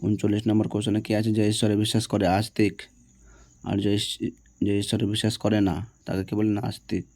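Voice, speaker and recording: A man with a low, mellow voice goes through exam answers question by question. He reads each question, gives the answer, and keeps asking whether it is clear. His tone stays flat and even, and the sound is dry and close. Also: brisk, no room sound. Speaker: teacher.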